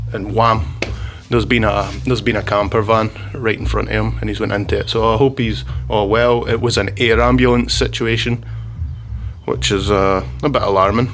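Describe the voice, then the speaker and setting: A man's voice: medium pitch, fairly bright tone, a little hiss or hum. A Scottish man telling a rambling story in a casual monologue, with frequent restarts and chuckles. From Scotland.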